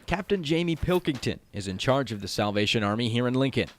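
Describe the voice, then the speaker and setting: Male news reporter, American accent, medium pitch, scripted package narration. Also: animated, fast, slight background noise.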